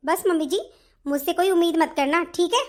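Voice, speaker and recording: A fed-up young wife from a cartoon family drama, voiced by a woman. She talks back in an indignant, outspoken way and lists her grievances. Her voice is very high. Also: a little fast. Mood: complaining. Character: long-suffering elder daughter-in-law finally speaking up. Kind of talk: animated family story voice acting.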